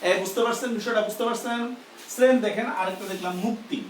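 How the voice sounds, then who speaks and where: A male grammar teacher teaches a live class, checking often that his students follow. His voice sits high for a man. He sounds set back from the mic in an echoey room with faint background noise. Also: fast, distant mic. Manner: explains step by step, often asking "do you understand?". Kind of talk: live online lesson.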